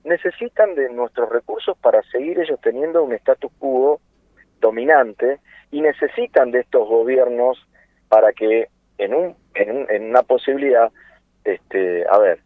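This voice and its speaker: An Argentine man of about sixty talks over a tinny, phone-like line with no room sound. He speaks with conviction, pausing on fillers and throwing out rhetorical questions. His pitch sits in an ordinary middle range. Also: no room sound. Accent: Argentine Spanish. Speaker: interview guest, political activist. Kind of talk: impassioned political phone interview. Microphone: telephone.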